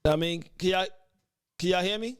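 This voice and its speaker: A man's voice: high voice, normal speed, clean tone. A man co-hosting a live podcast, reading chat comments in loose, profane, laughing banter.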